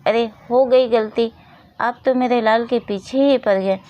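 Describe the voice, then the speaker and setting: A woman voicing a harsh, taunting stepmother in a storybook reading, with a shrill scolding manner. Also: fairly even intonation, a little slow, muffled recording, natural voice. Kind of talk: storybook narration with voiced roles.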